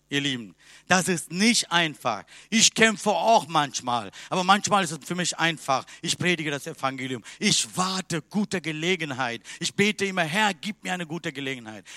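Man preaching, bright and dry. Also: on the high side, dry recording. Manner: non-native German, intense, rising to loud exhortation. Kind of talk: sermon and closing prayer.

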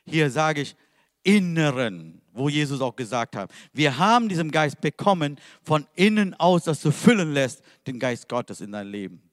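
A man's voice: on the high side, very animated, moderate pace, studio quality. Man preaching in a reverberant hall. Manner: emphatic, questioning the listeners directly. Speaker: pastor. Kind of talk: sermon.

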